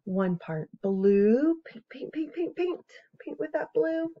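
In a slightly dull webcam recording, a woman in her thirties reads aloud animatedly and casually demonstrates a craft for young children. Her voice sits high and she speaks slowly, expressive and singsong, encouraging the little ones to join in.

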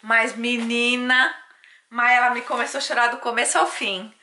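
A woman's voice: fairly high pitch, steady tone, normal speed, pushed and bright, slight background noise. A young Brazilian woman vlogging casually at home, chatty and doting as she talks to her baby. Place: at home, bedroom.

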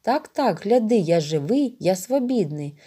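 A woman's voice: mid-range voice, sing-song, a little slow, warm tone, slightly rough. Woman voicing an emotional young male hero. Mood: anguished. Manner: emotional, pleading outbursts. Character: young male hero, anguished and loving son.

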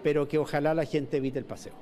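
An older Chilean man managing a mall responds to a reporter's news interview questions, frequently restarting and repeating words. His voice is a little high and dark-toned, delivered flatly at a quick pace. A faint crowd can be heard in the indoor mall corridor, picked up by the reporter's handheld mic.

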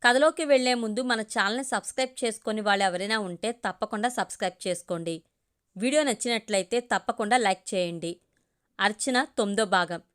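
A woman reading a family story aloud in an even, steady way, lightly voicing each character's lines. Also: mid-range voice, a little fast, smooth.

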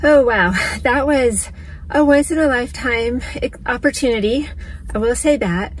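A woman's voice: high voice, normal speed, slight background noise, poor audio. A middle-aged woman talking casually and eagerly to her phone camera from a parked car, vlogging. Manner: enthusiastic, chatty. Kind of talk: casual travel vlog talk. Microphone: phone at arm's length.

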